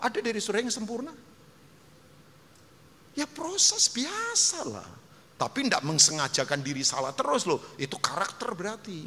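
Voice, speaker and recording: A man preaching a sermon as pastor, emphatic and animated, acting out quotes and dropping English phrases. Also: high-pitched. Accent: Indonesian. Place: large church hall. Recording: long hall reverb, faint noise.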